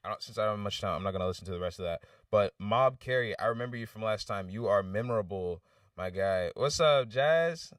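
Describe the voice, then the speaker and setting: Deep-voiced man reviewing songs on a stream. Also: fast talker, dry recording, clean studio sound, distant mic. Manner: candid, loose and rambling with restarts. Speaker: livestream music reviewer. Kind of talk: casual livestream feedback.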